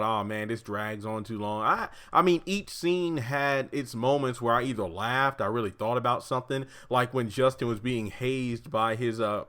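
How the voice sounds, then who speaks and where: A man giving a chatty, animated review of a TV episode from his apartment, often laughing and acting out the characters' lines. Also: mid-range voice. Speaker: show reviewer.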